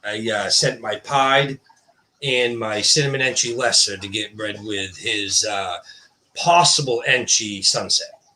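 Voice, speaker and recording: Bright-voiced man who says w for r. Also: on the low side, unhurried. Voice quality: cannot pronounce R, says w for r. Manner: rambling, colloquial, self-interrupting. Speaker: guest, ball python breeder. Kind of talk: casual livestream chat.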